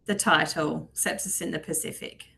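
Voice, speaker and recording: A woman's voice: low-pitched, steady tone, moderate pace, vocal fry, bright, forceful tone, a little hiss or hum. A woman organizing a webinar, giving short replies on a video call. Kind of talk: casual chat on a video call.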